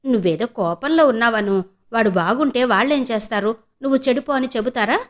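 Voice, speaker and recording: A woman voicing a calm, patient middle-aged husband who speaks mildly in an audio novel. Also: a little high, a little fast, natural voice. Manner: mild, reassuring.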